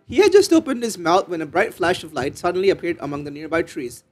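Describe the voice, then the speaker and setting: Chatty high-voiced gaming host, lively pitch. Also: male voice, fast. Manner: rambling, filler-heavy, joking. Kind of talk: casual let's-play commentary.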